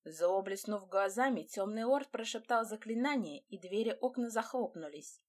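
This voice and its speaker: A woman's voice: mid-range voice, expressive, moderate pace. A woman reading a first-person fantasy romance audiobook with dramatic expression. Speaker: audiobook narrator.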